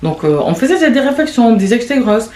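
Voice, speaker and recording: A woman's voice: fairly high pitch, very animated, darkish tone. Chatty woman in an echoey room. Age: late 20s. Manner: chatty, rambling, quick restarts and laughs. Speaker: podcast host. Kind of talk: casual confessional monologue. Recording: echoey room with faint background noise.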